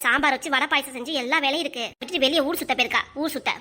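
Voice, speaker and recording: A sharp-tongued village mother-in-law from a cartoon, voiced by a woman, nagging and taunting. Her voice sits high and the words rush out fast. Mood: scolding. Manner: nagging, taunting, quick retorts. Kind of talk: cartoon voice acting.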